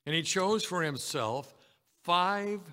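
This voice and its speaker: A man delivers a sermon, reading scripture aloud and calling his listeners brethren. His voice is fairly high and bright, with a forceful edge. Long reverb from a big hall hangs behind every phrase. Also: lively intonation, measured pace. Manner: reads scripture aloud, addresses congregation as brethren. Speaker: preacher.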